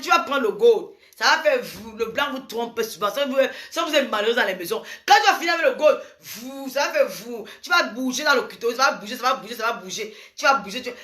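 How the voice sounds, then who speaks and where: A woman delivers a frank advice monologue in a high, bright voice. She talks emphatically, repeating words for effect and breaking into exclamations. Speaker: advice vlogger.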